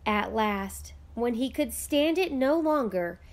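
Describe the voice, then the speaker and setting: A woman narrating a children's picture book aloud with slow, expressive storytelling. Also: on the high side.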